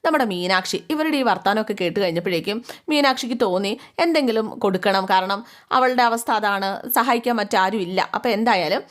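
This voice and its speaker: A woman's voice: medium pitch, quick pace. A woman, casually retelling a TV serial episode for her listeners and acting out the characters' quarrels in between. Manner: chatty, addresses listeners directly, acts out characters' quarrels. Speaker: storyteller recapping a TV serial.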